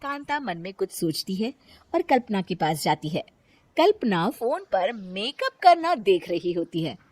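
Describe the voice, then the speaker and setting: A woman narrating a scripted cartoon moral story in an expressive storytelling style. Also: mid-range voice, unhurried, dry recording. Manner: animated, expressive.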